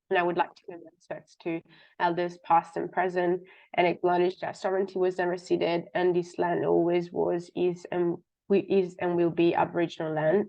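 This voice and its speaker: A woman with a slightly muffled, sick-sounding voice, informally and somewhat haltingly introducing an online event as its host. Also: fairly low pitch, gravelly. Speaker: webinar host. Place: online video webinar. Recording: dull, muffled online call audio.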